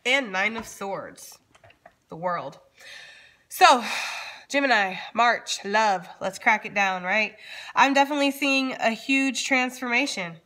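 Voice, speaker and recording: Speaking a little slowly in a bright, fairly high, forceful voice, a woman does an informal tarot reading for her channel. She addresses viewers directly and keeps asking "okay?" as cards shuffle and clicks sound behind her.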